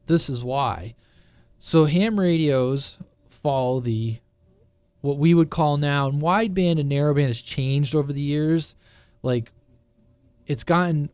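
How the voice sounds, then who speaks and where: This man explains radio technology off the cuff from his computer indoors, sharing his screen as he goes. His voice is a little high and a little mellow, with no echo. The explanation is casual and meandering, looping back to restate his main idea.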